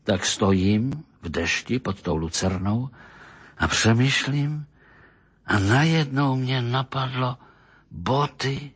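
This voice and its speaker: A man reading a story aloud with a husky voice, in steady storytelling narration. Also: medium pitch. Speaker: audiobook reader.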